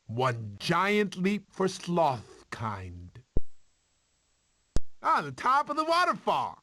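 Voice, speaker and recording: An actor playing a cowardly, talkative male sloth in an animated video game, with an excitable, theatrical, whiny delivery. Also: high voice, a little hiss or hum, heavily acted. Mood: nervous, boastful.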